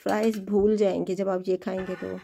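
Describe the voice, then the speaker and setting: A woman's voice: medium pitch, little pitch movement, moderate pace, vocal fry, dark tone, slight background noise, rough recording. A woman hosting a home cooking video, chatting in an encouraging way as she cooks in her kitchen. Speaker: home cooking channel host. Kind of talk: casual cooking demonstration.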